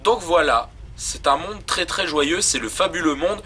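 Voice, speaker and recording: A man giving chatty let's play commentary, getting excitable as the action picks up. His voice is a touch high and bright. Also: unhurried. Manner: chatty, excitable while playing. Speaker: game video co-host and player.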